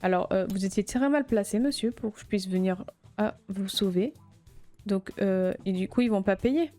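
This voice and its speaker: A woman with a mid-range voice streams a video game at normal speed, chatting playfully with the game's customers as let's play commentary. When things go wrong she breaks into flustered outbursts and shouts at the chaos. Faint music plays behind her.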